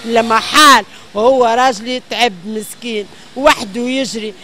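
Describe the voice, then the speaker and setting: High-pitched, agitated older Tunisian woman. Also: fairly even intonation, normal speed, bright, forceful tone, slight background noise. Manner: agitated, insistent, repeating phrases. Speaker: member of the public interviewed in the street. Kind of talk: emotional street interview, pleading and complaining. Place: outdoors on a city pavement. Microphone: handheld reporter microphone held close.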